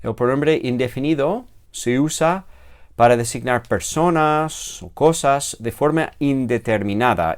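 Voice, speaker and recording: In a recorded grammar lesson, a man with a clean, mid-range voice explains things patiently. He goes back over key words and keeps asking "¿vale?" to make sure listeners follow.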